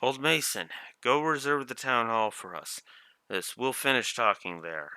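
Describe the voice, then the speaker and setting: A man's voice: medium pitch, expressive, unhurried, sharp tone, clear, resonant tone, no room sound, voice pushed up. A man reading the lines of a brash young male pirate leader in a blunt, indignant way.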